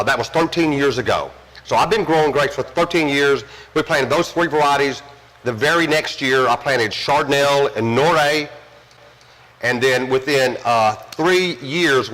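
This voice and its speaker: A man's voice: medium pitch, a bit bright, in a large hall, poor audio. A man from Tennessee, a winery owner telling folksy, rambling stories in an interview. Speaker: winery owner and grape grower. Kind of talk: storytelling in an interview.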